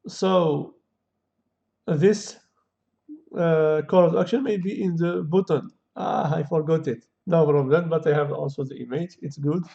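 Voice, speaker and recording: In this laid-back screen-capture coding tutorial, a programming tutor with a gravelly, fairly high, mellow voice keeps his tone steady. A native Kabyle or Arabic speaker, he works through things aloud in hesitant English packed with fillers, captured on a dull lo-fi home setup.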